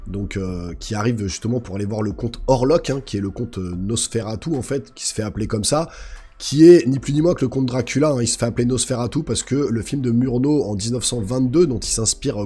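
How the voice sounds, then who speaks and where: A man with a hoarse, guttural, slightly sick-sounding voice, giving a casual, enthusiastic film review as a channel host. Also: mid-range voice, mellow.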